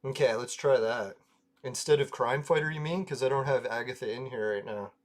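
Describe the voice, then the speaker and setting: A man's voice: medium pitch, fairly quick. A man chatting casually over gameplay, rambling through anecdotes, laughing often and swearing freely. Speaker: gaming video creator.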